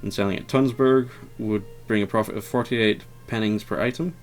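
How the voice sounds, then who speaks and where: A man talks through a video game in a loose, meandering way, stopping often for ums and uhs. His voice sits on the lower side, and he pokes fun at his own play. Faint game music runs behind him. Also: steady tone, normal speed. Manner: rambling, hesitant, lots of fillers; self-deprecating and wry. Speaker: let's player. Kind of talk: casual gameplay commentary.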